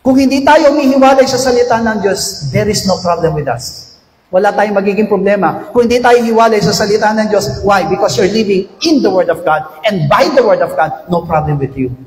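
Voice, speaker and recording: High-voiced pastor in echoey hall. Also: male voice, lively intonation, fairly quick. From Philippines. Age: 50s. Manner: chatty storytelling, swings up to loud shouted exhortation. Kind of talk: conversational sermon. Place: church sanctuary. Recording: echoey church hall, long reverb.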